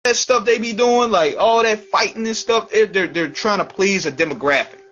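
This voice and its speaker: A man's voice: sits high, normal speed, a bit bright, muffled recording. A man hosting a casual talk show, with loose, slangy talk that keeps repeating and restarting. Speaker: show host. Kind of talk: casual chat.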